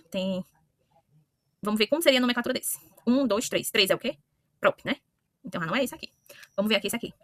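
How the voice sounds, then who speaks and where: Woman, chemistry teacher, rapid bright delivery, lots of "né?", dry close sound. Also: fairly high pitch, no room sound. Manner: talks to students directly with frequent questioning "né?" and self-corrections. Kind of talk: online lesson explaining to students.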